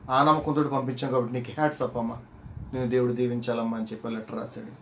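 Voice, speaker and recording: A male pastor preaching a sermon with dramatic storytelling, swinging from loud emphatic lines to hushed ones. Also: medium pitch, flat delivery, rapid-fire, slight background noise.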